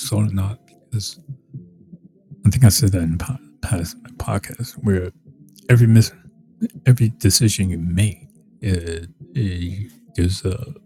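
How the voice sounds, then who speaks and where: A man's voice: low voice, mellow. A man hosting a casual solo podcast, rambling and meandering with many fillers and restarts. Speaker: podcast host.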